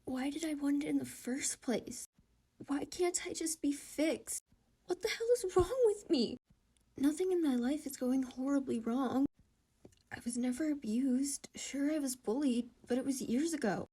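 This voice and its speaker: A woman's voice: high-pitched, moderate pace, hardly any pauses, mellow, slightly rough. A woman voicing an anxious, distressed teenage boy in a whispered role-play, with shaky, pleading, self-questioning speech. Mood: distraught.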